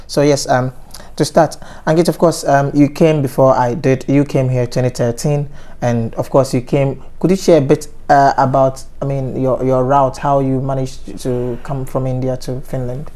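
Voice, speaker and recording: A man from Ghana, in his thirties, hosts a relaxed conversation. His voice is dark and mellow. He talks in a measured way and often pauses, restarts and uses fillers. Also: mid-range voice. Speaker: interview host. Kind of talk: casual conversational interview.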